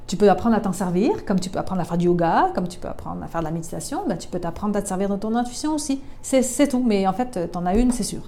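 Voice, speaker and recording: A woman's voice: medium pitch, lively intonation, fast, hardly any pauses, warm tone. A woman, a tarot reader chatting informally to the viewer in a casual explanatory video.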